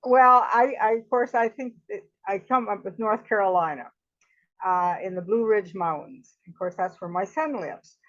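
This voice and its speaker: A woman's voice: medium pitch, normal speed, a bit bright. A woman chatting in an online group, a little hesitant and thinking aloud, heard over a video call. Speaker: organizer. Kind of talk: casual group chat. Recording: dull video-call audio.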